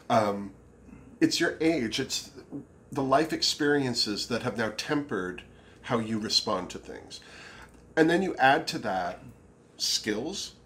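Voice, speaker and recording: A man in a casual review chat, talking in a campy drag queen manner with drawn-out emphasis. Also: mid-range voice, fairly bright tone, a little hiss or hum. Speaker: drag show review co-host.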